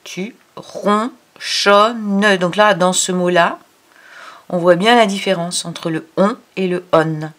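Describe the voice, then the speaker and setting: Slow, patient woman teaching reading. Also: on the low side. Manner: stretches and sounds out syllables, explains patiently; addresses the child directly. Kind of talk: slow reading lesson for a child.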